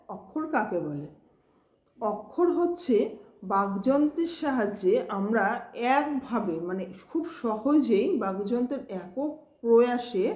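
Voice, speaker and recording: A woman's voice: a little high, dark tone, highs cut off. A woman teaching a grammar lesson to students, patiently asking questions and answering them herself. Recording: echoey room.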